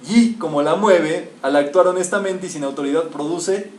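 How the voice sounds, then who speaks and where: This spiritual lecture comes from a metaphysics teacher addressing a live group, forceful in delivery and quizzing the audience with rhetorical questions. He has a fairly high, slightly mellow voice at a moderate pace. The echoey room, distant mic and faint hiss are audible.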